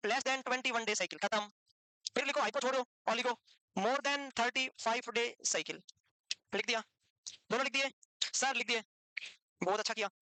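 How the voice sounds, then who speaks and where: A woman's voice: high voice, bright, forceful tone, no room sound. A woman teaching a medical class, firing questions at her students over and over and mixing in English medical terms. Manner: quizzes the class with repeated questions; switches between Hindi and English medical terms. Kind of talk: classroom lecture.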